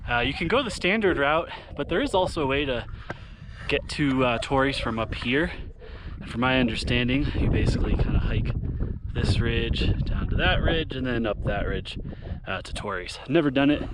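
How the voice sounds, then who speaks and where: A man's voice: medium pitch, expressive, moderate pace. A man giving a casual, conversational trail-guide narration to camera outdoors on a windy mountain ridge. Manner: laid-back, conversational. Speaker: hiking guide vlogger. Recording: loud wind buffeting the microphone outdoors.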